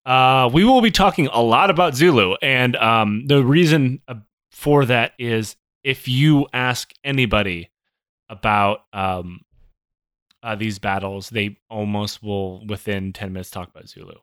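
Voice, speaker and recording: A man's voice: mid-range voice, a little slow, a bit bright, no echo. A man co-hosting a casual history podcast, joking, swearing and rambling with lots of fillers. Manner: jokey, profane, rambling with many fillers. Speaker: podcast co-host.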